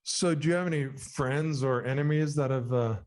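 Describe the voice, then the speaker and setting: Medium-pitched man hosting a playful interview. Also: moderate pace, a little mellow, slight background noise. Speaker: podcast host. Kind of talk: casual interview chat.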